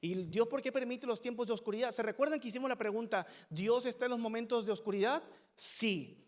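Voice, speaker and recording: A man preaching a sermon with a high, ringing voice that carries through a church sanctuary, its long reverb trailing each phrase. He is emphatic and keeps putting rhetorical questions to his congregation. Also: a little fast. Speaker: pastor.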